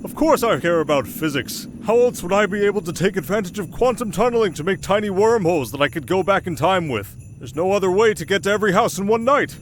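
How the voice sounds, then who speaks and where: A man voicing a kindly old Santa in an audio roleplay, patient and fatherly, speaking in an avuncular, unhurried, gently preaching way. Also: high voice, animated, a little hiss or hum. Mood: amused, fatherly.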